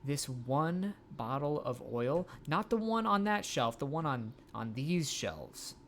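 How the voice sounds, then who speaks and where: Streamer doing a pushy upbeat shopkeeper, wheedling, pitch jumps around, bit of hiss behind. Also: sing-song, slow pace. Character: pushy cheerful shopkeeper hawking oil. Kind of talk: playful game commentary.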